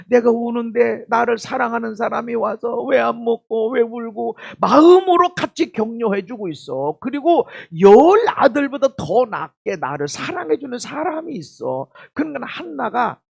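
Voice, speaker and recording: A man preaching a sermon as pastor in a church service. He swings from loud exclamations to quiet asides and puts questions straight to the congregation. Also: very high voice, vocal fry, husky, dull audio. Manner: asks the congregation direct questions.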